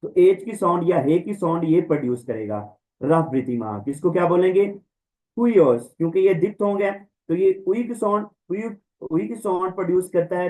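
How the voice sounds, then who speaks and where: A man teaching a Greek language class online, repeating each word slowly and carefully for the students. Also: high voice, dark tone, poor audio. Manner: slow, drawn-out word-by-word pronunciation drills. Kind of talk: online lecture. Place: online class, voice over slides.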